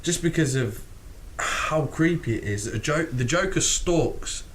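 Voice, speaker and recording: A British podcast co-host with a higher-sounding male voice speaks unhurriedly on a casual show. He's lively and foul-mouthed, laughs a lot and acts out quotations. Slight background noise is audible.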